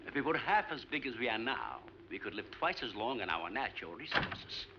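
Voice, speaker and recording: A courtly old scientist. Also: male voice, mid-range voice, sing-song, a little fast, noisy background. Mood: earnest. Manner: formal, explanatory, polite. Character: older male scientist, courtly and earnest. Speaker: scientist and island host. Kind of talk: 1950s film acting. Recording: dull old film soundtrack with faint music.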